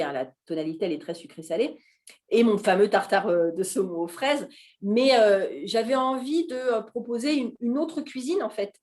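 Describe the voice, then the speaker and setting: Chatty Frenchwoman chef, many fillers. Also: lowish voice. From Alsace, France. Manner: animated, hesitant with many fillers. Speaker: guest chef. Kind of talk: casual talk at a live café event.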